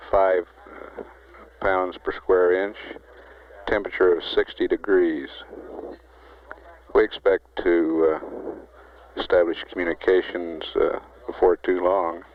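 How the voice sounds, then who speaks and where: A deep-voiced man gives official mission control status updates. His delivery is measured and halting, carried on a thin, phone-like 1960s broadcast line. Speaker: mission control public affairs announcer.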